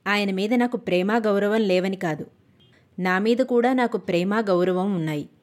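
A woman with a medium-pitched voice narrates a novel as an audiobook, reading in a measured and even storytelling style.

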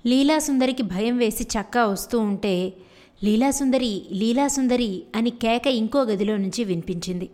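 A woman storyteller reading a children's fairy tale aloud in a steady, unhurried way. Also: fairly high pitch.

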